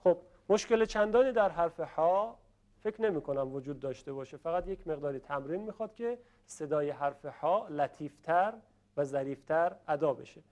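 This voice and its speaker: A man teaching Quran recitation to a class, explaining patiently in speech and chanting slow examples for students to repeat. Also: fairly high pitch, darkish tone.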